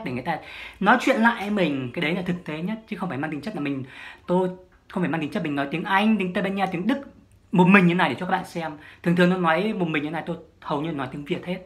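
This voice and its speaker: A woman's voice: on the low side, racing. A woman, a language-learning vlogger giving a solo advice monologue, emphatic and repeating her key points.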